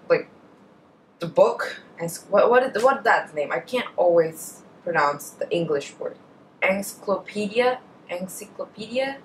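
In a casual bedroom chat answering a tag, a young Indonesian beauty vlogger with an Indonesian accent corrects herself as she talks and trails off into asides. Her voice is fairly low in pitch and fairly bright. The camera is close in front of her, though the poor audio sounds distant and has slight background noise.

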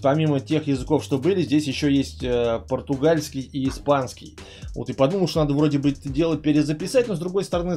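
A man's voice: medium pitch, warm tone. A man giving casual, rambling gaming commentary as a channel host. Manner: informal, rambling.

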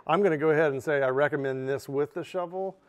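A man in his thirties acts as a store product presenter, casually walking through products in a large indoor showroom. His voice is on the high side, clear and resonant, and he talks at a quick pace. He's chatty, with lots of "um" and "right?".

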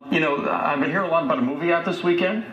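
A man presenting the weather, joking in a deadpan way with his co-hosts. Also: fairly high pitch, very fast, roomy sound, lo-fi sound, slight background noise. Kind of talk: jokey live news banter.

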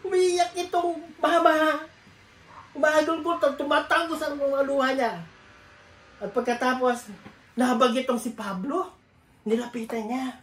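A woman's voice: high voice, fairly even intonation, measured pace, pauses often, a little hiss or hum. A woman preacher giving a sermon, telling a joking story to her congregation in a chatty, storytelling way. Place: church. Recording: roomy echo.

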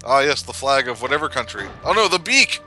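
A man's voice: medium pitch, very animated, a little fast, pushed and bright, faint music behind. A man co-hosting a let's play, chatting casually and laughing often as he plays. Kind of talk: casual gameplay chat.

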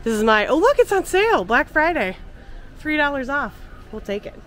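A woman vlogger with a congested voice, gushing excitedly as she shops through busy stores on camera. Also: high-pitched, moderate pace. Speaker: shopping vlogger host. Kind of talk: casual shopping vlog. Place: busy stores on a shopping day. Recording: crowd and store noise behind.

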